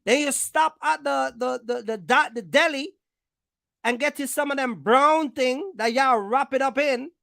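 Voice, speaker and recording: A woman with a high, gravelly, fairly bright voice takes her time giving trucking advice on her channel. Her casual explainer is blunt, emphatic, and full of colloquial slang and repeated phrases, recorded in studio quality without room sound.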